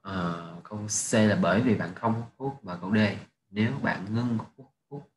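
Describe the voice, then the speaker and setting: A man with a fairly low voice explains test answers step by step, reading English phrases. The recording sits in an echoey room with a faint hiss. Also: measured pace. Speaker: English teacher. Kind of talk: exam answer walkthrough.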